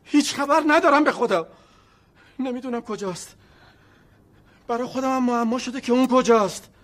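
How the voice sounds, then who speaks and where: A man's voice: very high-pitched, a bit bright. A pleading, wronged father. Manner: pleading, defensive. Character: accused father pleading his innocence. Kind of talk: television drama acting.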